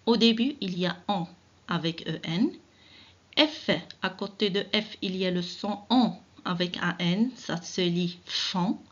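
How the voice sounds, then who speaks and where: A woman teacher giving an early reading lesson, speaking directly to children, encouraging them and sounding out syllables slowly and deliberately. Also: fairly low pitch, lo-fi sound. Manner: slow, drawn-out syllable-by-syllable reading. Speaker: primary school teacher.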